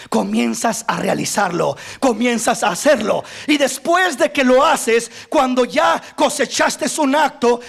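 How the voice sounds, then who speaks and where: A male pastor preaching a sermon with passion, rising to shouts on key lines. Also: very high voice, creaky.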